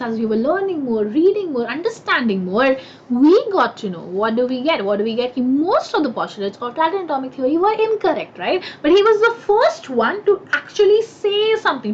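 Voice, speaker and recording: A woman with an Indian accent and a high, very lively voice teaches a live online science class. She is chatty and keeps posing questions that she answers herself. The audio is slightly dull, with some noise behind her. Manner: animated, chatty, asks and answers own questions. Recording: muffled audio with clear background noise.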